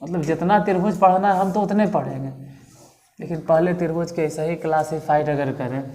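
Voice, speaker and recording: Mellow-voiced Bihari Hindi maths teacher. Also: male voice, a little high. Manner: repeats definitions slowly for dictation, quizzes students. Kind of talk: online classroom lesson.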